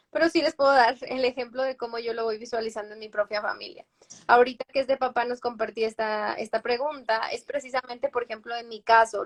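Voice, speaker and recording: A young adult woman, a psychologist guest on a live stream, explaining through personal examples and tag questions. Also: on the high side. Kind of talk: live-stream advice talk.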